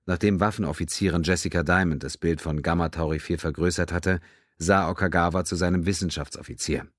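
A man reads a science fiction novel aloud with steady narration. His voice is very deep. The recording is dry and close to the mic. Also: fairly quick, dry recording. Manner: steady storytelling. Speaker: audiobook narrator. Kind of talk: scripted narration.

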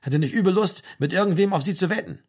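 Guy doing a sarcastic army sergeant, higher and louder, barking questions, bit husky. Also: fast talker. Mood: mocking. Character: gruff middle-aged army sergeant, mocking.

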